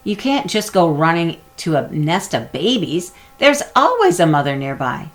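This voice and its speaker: A woman's voice: on the low side, very animated, moderate pace. A woman voicing a cautious, bookish young boy who gives urgent orders in a children's storybook. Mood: scolding. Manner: urgent commands, calling out and muttering. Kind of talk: children's storybook character reading.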